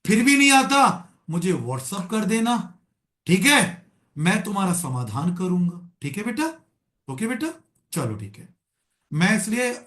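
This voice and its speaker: High-voiced man teaching an online Excel class. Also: echoey room. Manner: calls students "beta", checks understanding often.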